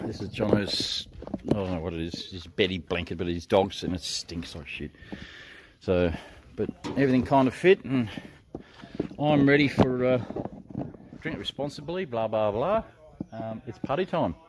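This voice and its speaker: A man's voice: medium pitch, background noise. A middle-aged Australian man chatting casually on a road-trip vlog, rambling with lots of ums and restarts, filmed on a handheld camera at arm's length outside in a small town. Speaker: vlogger. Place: outdoors in a small country town street.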